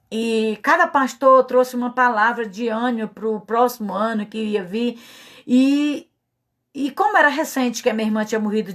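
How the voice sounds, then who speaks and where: A middle-aged woman with a Brazilian Portuguese accent speaks as a pastor sharing her testimony. Her voice sits a little high, and she talks in an earnest, openly emotional, confessional way. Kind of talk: personal testimony talk.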